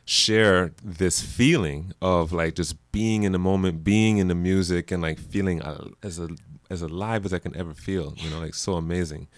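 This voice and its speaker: Man from Jamaica, very low voice, dry close sound, casual interview talk, laughs easily, lots of fillers. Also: moderate pace, hardly any pauses, dry recording. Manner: laughs often, relaxed rambling with many fillers. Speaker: musician guest.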